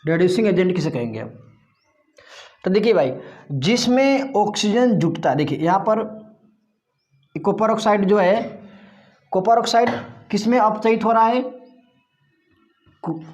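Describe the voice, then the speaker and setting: A man's voice: high-pitched, lively intonation, unhurried, long pauses, darkish tone. A male teacher giving a classroom chemistry lesson, putting questions to the class and answering them himself, repeating the key terms.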